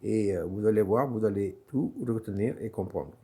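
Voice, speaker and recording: A man's voice: fairly low pitch, moderate pace, husky. A man teaching an online lesson, patient and encouraging, repeating each sound several times for his students. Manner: encouraging, gently reassuring. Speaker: Quran recitation teacher. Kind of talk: slow step-by-step online lesson.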